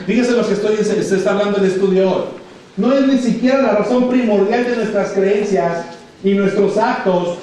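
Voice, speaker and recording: A man's voice: high voice, darkish tone. A man with a Mexican accent, preaching a sermon as pastor, speaking emphatically and acting out dialogue. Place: church hall. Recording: echoey church sound from far off.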